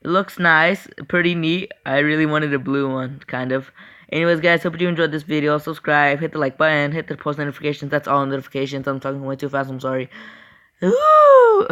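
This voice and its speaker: A young man giving casual, chatty gameplay commentary, excitable and apologetic, talking straight to his viewers. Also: a little high, a little fast, clear, resonant tone. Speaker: gaming channel host.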